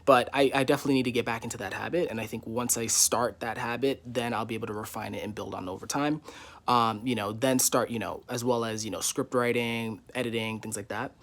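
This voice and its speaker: A man's voice: mid-range voice, fairly even intonation, fast, fairly bright tone. A man in his twenties giving a casual, candid vlog update from his living room, rambling with many fillers. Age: 20s. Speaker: YouTuber.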